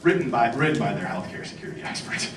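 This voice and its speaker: In a conference hall, a male speaker talks fast in an expressive, medium-pitched voice, delivering a sarcastic, profane talk that mocks his targets and trades banter with the audience. The mic is distant, and the hall is echoey and noisy.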